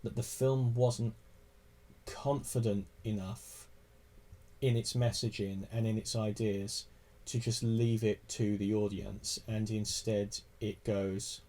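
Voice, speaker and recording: A man's voice: lowish voice, flat delivery, takes it slowly, warm tone, poor audio. A man co-hosting a casual film discussion podcast, dry in tone, who pokes fun at movies with mocking asides. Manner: dry, mocks films with put-on voices. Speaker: podcast co-host.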